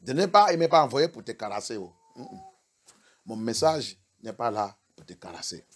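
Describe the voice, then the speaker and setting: Male pastor, emphatic sermon, big jumps between loud peaks and quiet lows, repetitive phrasing. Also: sing-song, moderate pace. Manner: emphatic preaching with sharp rises and hushed drops; repeats words and restarts phrases.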